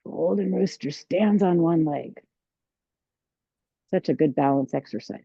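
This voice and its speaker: A woman teaching a tai chi class, giving serene, encouraging, unhurried movement cues. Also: low voice, gravelly, warm tone, slightly rough. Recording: roomy, dull lo-fi sound.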